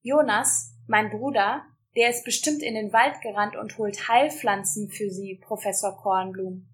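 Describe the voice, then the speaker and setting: A woman reading a storybook who voices a gentle girl comforting a wounded man softly. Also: mid-range voice, steady tone, a little slow, slight background noise, lightly acted. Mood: tender. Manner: soft, comforting.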